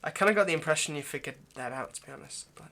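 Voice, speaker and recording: Racing along in a fairly high, gravelly voice that's bright and forceful, a man plays a centuries-old, nervous vampire kidnapper for an intimate ASMR roleplay. Tender and confessional, he stammers, hesitates and apologizes to the listener. The recording carries faint background noise.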